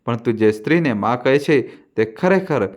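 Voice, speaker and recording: A man doing a grave, hushed old man. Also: medium pitch, expressive, moderate pace, lightly acted. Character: old man, sorrowful and secretive.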